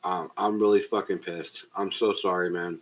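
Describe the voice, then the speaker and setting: A man's voice: low-pitched, fairly even intonation, moderate pace. A man hosting a casual live stream, cursing a lot and talking straight to viewers in chat. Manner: profane, exasperated, talks straight to chat. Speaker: livestream host. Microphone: cheap webcam built-in mic. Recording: dull lo-fi webcam mic.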